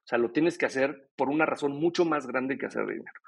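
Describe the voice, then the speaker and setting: This guest, a middle-aged man who co-founded a podcast company, talks quickly in a mid-range voice that is creaky with a breathy edge. In casual interview conversation, he explains his answers fluently.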